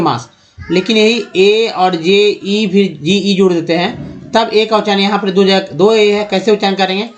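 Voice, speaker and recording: A man teaching English pronunciation in a lesson, speaking slowly, spelling out letters and asking his viewers questions. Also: sits high. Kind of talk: Hindi-language pronunciation lesson.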